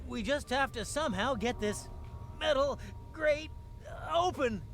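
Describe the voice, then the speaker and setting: Earnest, very high-pitched helper. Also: male voice, lively intonation, a little slow, fairly bright tone, a little hiss or hum, heavily acted. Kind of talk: video game character dialogue.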